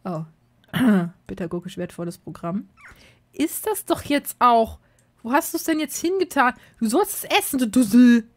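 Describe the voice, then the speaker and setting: Casting: slightly high-voiced woman, excitable game commentator with exasperated outbursts. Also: normal speed. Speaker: Let's Play host.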